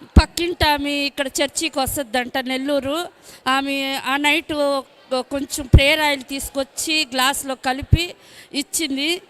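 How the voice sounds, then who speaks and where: A woman from Chennai gives a personal church testimony, speaking plainly and a little haltingly. Her voice sits high. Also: steady tone, a bit bright.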